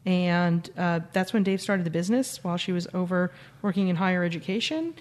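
A woman's voice: fairly low pitch, fairly quick, a little mellow. A woman co-hosting a podcast, chatting casually and introducing guests with wry, joking asides. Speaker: podcast co-host.

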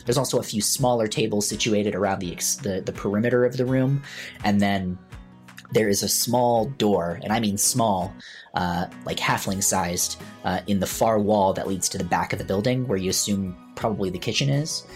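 A man narrating a tabletop game as game master, slow and hesitant with many fillers. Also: on the low side, faint music behind.

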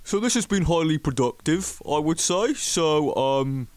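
A man's voice: on the high side, lively intonation, a little slow, no room sound. A man playing a tabletop game, hesitant and full of ums. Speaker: player. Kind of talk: casual tabletop play.

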